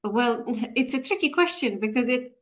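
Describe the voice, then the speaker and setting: A Polish woman in her forties, a business English communications coach, chats casually as an interview guest about her work. Her voice sits on the high side with lively intonation and a moderate pace, and she laughs often and uses plenty of fillers.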